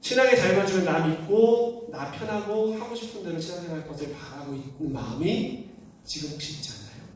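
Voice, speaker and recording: A man, a youth pastor, giving a lively sermon to teenagers and acting out the quoted voices as he tells the story. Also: high-pitched, brisk, slight background noise. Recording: roomy echo, distant mic.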